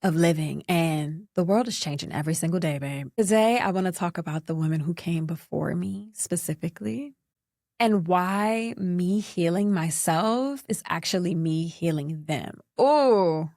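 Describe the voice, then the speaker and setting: A woman, hosting a personal storytelling podcast and talking straight to her listeners in an animated, sassy way. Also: lowish voice, normal speed, no echo, clean studio sound. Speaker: podcast host.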